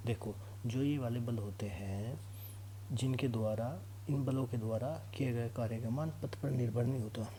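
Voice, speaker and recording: Speaking at a normal pace in a mellow, mid-range voice, a man teaches physics to students preparing for exams. The lesson is casual, and he explains as he goes, repeatedly confirming they're with him. There's a clear hum in the background.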